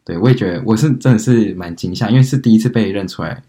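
A young man co-hosting a podcast with a fairly low voice. He talks fast and rattles through stories, acting out what people said. The tone is a relaxed, casual chat. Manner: animated storytelling, acts out quotes. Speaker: podcast co-host.

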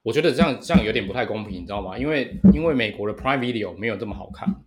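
A man in his thirties with a Taiwanese Mandarin accent, co-hosting a casual podcast in an animated, repetitive way that keeps seeking agreement. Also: mid-range voice, rapid-fire, slight background noise. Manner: animated, repeats phrases, seeks agreement. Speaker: podcast co-host. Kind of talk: casual bantering podcast chat.

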